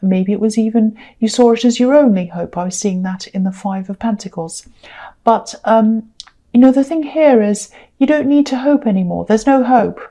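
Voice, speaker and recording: Mellow-voiced woman giving a tarot reading. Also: on the high side, moderate pace. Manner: earnest, reassuring, with frequent fillers and repetition. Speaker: tarot reader.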